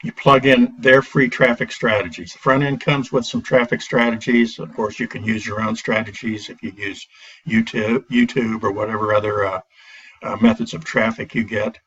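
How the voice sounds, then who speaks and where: A low-voiced man reviews a product through the built-in mic of a laptop, so the sound is dull, muffled and set back from him. His voice is a little husky, and he stumbles often with "uh" and restarts his sentences. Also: fairly even intonation, moderate pace, a bit bright, distant mic. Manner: hesitant, frequent "uh" fillers and restarts. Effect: recorded through a built-in laptop computer mic. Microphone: built-in computer microphone.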